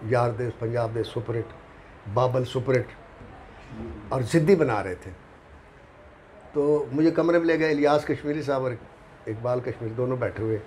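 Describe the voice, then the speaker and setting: An older man with a Punjabi accent tells his anecdotes at a natural middle pitch. He is animated and acts out the people in his stories. A faint background hum sits under his voice. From Pakistan. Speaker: film writer, interviewee. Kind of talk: anecdotal storytelling.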